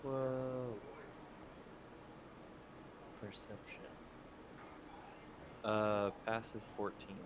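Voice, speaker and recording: Distant, noisy, low-pitched male player. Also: fairly even intonation, drawn-out words, pauses often. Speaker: player in a tabletop game. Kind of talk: casual game-table talk. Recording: quiet, distant, clearly noisy pickup.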